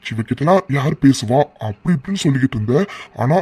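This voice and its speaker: A man's voice: mid-range voice, animated, fast, darkish tone, husky, no echo. A man voicing a young man student friend in a cartoon serial, teasing and chummy as he asks questions.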